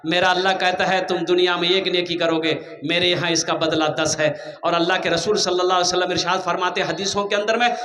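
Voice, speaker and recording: A man's voice: high-pitched, sharp tone, reverberant, slight background noise. A man with a Bengali accent preaching a humorous, exhorting fundraising sermon at a religious gathering, calling on the crowd. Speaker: maulana preacher.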